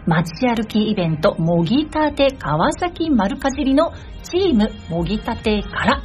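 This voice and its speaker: A woman presents a community radio show in a studio. Her voice sits a little high and moves around a lot in pitch as she talks politely and chattily to listeners and colleagues. Music plays clearly behind her. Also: big pitch swings, a little slow, darkish tone. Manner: polite, chatty, often punctuates with "hai" and "ne". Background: background music.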